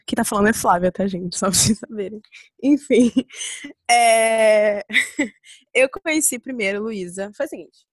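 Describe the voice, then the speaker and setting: A woman's voice: mid-range voice, normal speed, slightly rough, no room sound. A Brazilian woman in her twenties from Bahia, chatting casually and telling stories in a giggly way. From Bahia and Rio de Janeiro state, Brazil. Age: 20s. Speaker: podcast co-host. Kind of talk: casual chat, storytelling.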